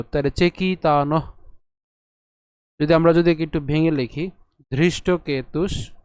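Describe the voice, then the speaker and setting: A man teaching how to pronounce verses, who asks his own questions, answers them, and chants lines slowly, syllable by syllable. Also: a little high, clear, resonant tone, no echo. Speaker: teacher of Sanskrit verse pronunciation. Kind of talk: recitation lesson.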